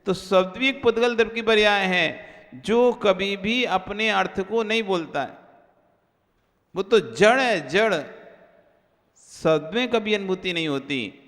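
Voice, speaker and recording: A man giving a sermon as a monk, chanting scripture verses slowly and then explaining them with questions to his listeners. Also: a bit bright. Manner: acts out everyday quoted remarks in a lower voice. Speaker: Jain monk preacher. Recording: long hall reverb.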